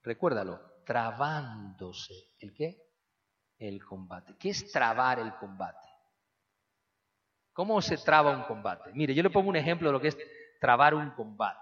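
A man preaching a sermon, firing rhetorical questions and swinging between hushed, low passages and loud, emphatic ones. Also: sing-song, moderate pace, long pauses, slightly rough, highs cut off.

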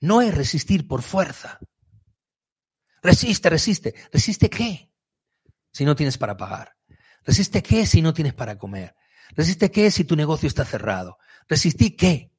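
A man delivers a fiery sermon. His voice sits a little high and sounds husky, and he keeps swelling into emphatic, near-shouted peaks. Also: very animated, normal speed. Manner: impassioned, rises to high emphatic outbursts. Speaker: preacher.

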